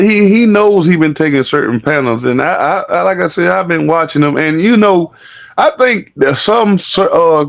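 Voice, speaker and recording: A man with a gravelly, slightly raised voice, speaking bluntly with lots of cursing and stuttered restarts. The recording is dry and muffled, like a lo-fi mic. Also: fairly high pitch, no room sound. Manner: blunt, profane, repeats words and restarts. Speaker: online talk show guest. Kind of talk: casual chat.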